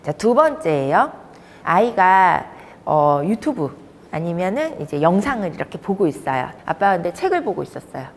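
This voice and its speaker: A woman's voice: on the low side, normal speed, big-room sound, a little hiss or hum. A woman who works as a child development counselor, giving a talk to fathers in a storytelling way. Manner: warm storytelling with lively emphasis. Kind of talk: lecture to fathers.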